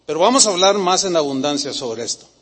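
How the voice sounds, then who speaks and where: Male pastor, high voice, emphatic sermon style in a reverberant hall. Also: lively intonation, quick pace, a bit bright, slightly rough. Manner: emphatic, repetitive, questions the congregation. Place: church hall.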